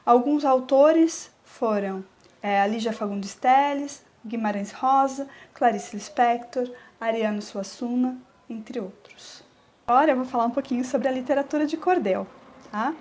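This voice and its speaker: A Brazilian woman teacher records a review lesson for her students. Her voice sits a little high, and she explains step by step, often stopping to check that they follow. She slows down to draw out syllables when she counts verse. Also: darkish tone. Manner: stretches words when scanning verse.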